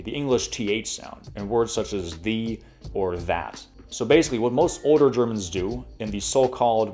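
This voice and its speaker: A man's voice: lowish voice, a little mellow. A young man in his twenties hosting a casual pronunciation lesson, chatty and full of fillers, demonstrating sounds as he goes. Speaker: language tutorial host.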